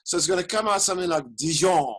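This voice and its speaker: A man's voice: on the high side, normal speed, a loud crowd, poor audio. A man teaching a live online coaching webinar, talking straight to his audience and counting them in. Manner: animated, addresses audience directly, counts them in. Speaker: life coach and webinar presenter. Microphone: video call.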